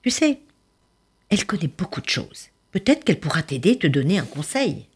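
A woman voicing a calm, wise starfish who gives advice in a soft, hushed, confiding way in a storybook tale. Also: fairly low pitch, normal speed, breathy edge, exaggerated voice. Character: calm, wise old sea star giving quiet advice.

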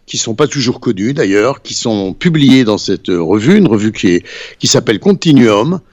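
A man's voice: mid-range voice, sing-song, moderate pace, a little mellow, no echo, lo-fi sound. A man, a radio guest, talking about his summer reading and hesitating as he searches for words. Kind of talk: panel talk.

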